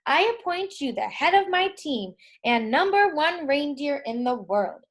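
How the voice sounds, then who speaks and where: A commanding old Santa Claus from a children's storybook, acted out by a woman. The voice is high and slow, delivering each decision as a firm announcement. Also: very animated. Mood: jolly, relieved.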